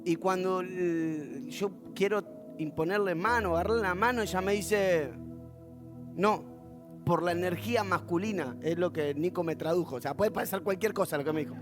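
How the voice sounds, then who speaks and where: A man with a Rioplatense accent preaching a sermon as pastor, telling stories with humor and acting out the voices of others. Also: high-pitched. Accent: Rioplatense Spanish. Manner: animated storytelling with humor, acting out quoted voices.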